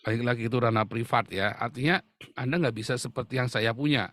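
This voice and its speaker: A man's voice: mid-range voice, a little fast, fairly bright tone, dry recording, clean studio sound. A man preaching a sermon, often addressing the listeners directly and laughing as he talks. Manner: addresses the congregation as "Saudara" often, with humor and laughs. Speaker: pastor.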